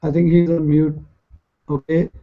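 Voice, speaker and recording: A man's voice: a little high, level tone, unhurried. A man hosts a religious group discussion. He is polite as he invites and thanks speakers, over dull, lo-fi call audio. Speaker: discussion host.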